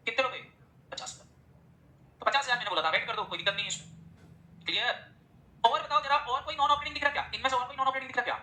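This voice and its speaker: Male teacher, lecture mode, quick-fire quizzing of the class; fast and bright delivery, roomy echoey recording. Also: very high-pitched. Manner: drills the class with rapid-fire questions. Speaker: accounting teacher. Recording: echoey room.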